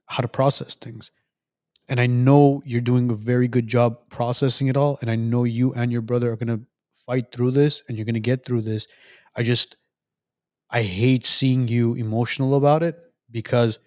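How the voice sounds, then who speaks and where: A man's voice: medium pitch, a little mellow, dry recording, studio quality. A man hosting a podcast, speaking in an earnest, reassuring way to his guest. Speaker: podcast host. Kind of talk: supportive conversation.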